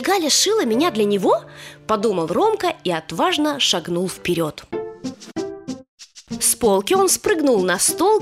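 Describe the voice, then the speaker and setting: A woman narrating a children's story expressively, acting out the characters. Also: fairly high pitch.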